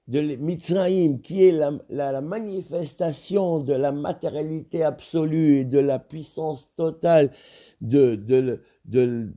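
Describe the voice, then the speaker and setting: A man's voice: a little high, measured pace, dark tone. A man teaching a Torah study lesson, explaining Hebrew verses with frequent restarts and repeated words.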